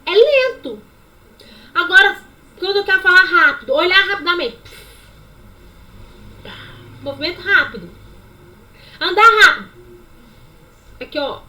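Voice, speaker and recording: A woman gives an online lesson, her voice very high and bright. She demonstrates each point with animated, repeated examples. She talks straight into a webcam. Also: measured pace, long pauses. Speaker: sign language teacher. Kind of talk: online lecture.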